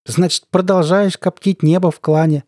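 A man voicing a mocking, sly middle-aged army colonel who talks in a squeaky, lisping, cooing baby-talk voice. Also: fairly even intonation, normal speed, warm tone, dry recording, studio quality, close to an everyday voice. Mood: gloating. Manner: mocking, taunting.

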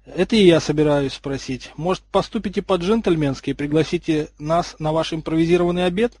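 A man's voice: a little high, brisk, a little mellow, no echo, close to an everyday voice. A man reading aloud voices a bold, cheeky schoolgirl who teases the boys. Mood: teasing. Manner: cheeky, teasing.

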